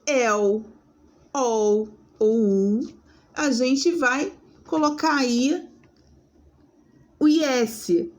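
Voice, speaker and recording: A woman teacher giving a grammar lesson, stressing each example word and checking in with her students through short questions. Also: on the high side.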